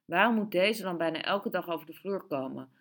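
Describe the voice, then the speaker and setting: A woman's voice: lowish voice, animated, fairly quick, a bit bright. A woman voicing an earnest, proud boy who questions insistently. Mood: indignant. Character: Tito, earnest upset boy, indignant and proud.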